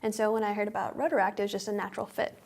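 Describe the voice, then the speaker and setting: A woman's voice: medium pitch, fairly even intonation, racing, vocal fry. A woman from California's Central Valley answering interview questions fluently and upbeat. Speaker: guest, club vice president.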